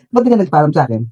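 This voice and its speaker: A man's voice: high voice, very noisy. A man vlogging at home in a bedroom with his small child, teasing and joking while stuffy with a cold. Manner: playful and teasing, laughs often. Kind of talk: casual home vlog.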